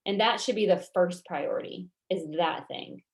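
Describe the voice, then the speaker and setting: A woman's voice: lowish voice, normal speed. Encouraging woman with a Southern US accent. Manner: encouraging, conversational, reassuring. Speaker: goal-setting workshop coach. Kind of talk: casual workshop teaching, answering participant questions.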